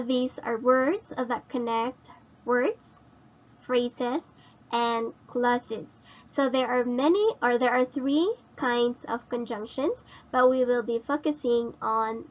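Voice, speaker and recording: A woman teacher slowly explaining grammar in a recorded lesson, asking her students questions and repeating points. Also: on the high side, dull audio. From Philippines.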